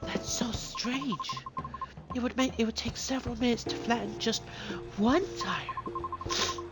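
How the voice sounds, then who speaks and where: A high, squeaky teenage boy, jumpy and easily spooked. His voice swings all over the place and stretches each word out slowly. Loud game music plays behind him. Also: huge pitch swings, full character voice. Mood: puzzled. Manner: squeaky, wide-swinging and drawn out.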